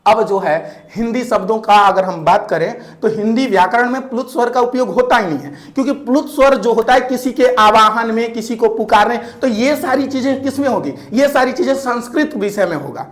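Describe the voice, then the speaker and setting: A man teaching a grammar lesson, repeating each point and often asking whether it is clear. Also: very high voice, normal speed, hardly any pauses. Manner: repetitive, checks in often with rhetorical questions. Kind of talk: classroom-style grammar lesson.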